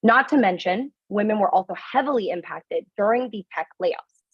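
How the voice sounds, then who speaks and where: A woman moderator reads a scripted introduction crisply, like a presenter. The recording is dry and a little dull. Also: medium pitch, expressive, normal speed, no echo.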